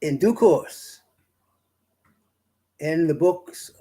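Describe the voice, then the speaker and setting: Slow, halting Bahamian man teaching scripture. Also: on the high side, animated, mellow. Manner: halting, many fillers and restarts, reads verses slowly. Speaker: Bible teacher. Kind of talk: slow informal scripture study talk.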